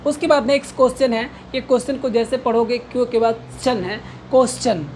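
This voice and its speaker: A woman's voice: a little high, steady tone, brisk, a little mellow, a little hiss or hum. A woman teacher giving a pronunciation lesson, explaining words and drilling each one aloud over and over, asking and answering her own questions. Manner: drills each word by repeating it many times, asks and answers own questions. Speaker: English teacher.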